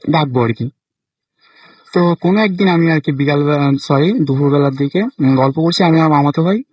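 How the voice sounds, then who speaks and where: A young man from Bangladesh shares a spooky personal story with a radio show. His voice sits a little high and husky. The sound is close and dry, and he halts often, restarting his sentences. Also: dry recording, low-quality recording. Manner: hesitant, many fillers and restarts. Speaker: caller sharing a ghost experience. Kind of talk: casual first-person storytelling.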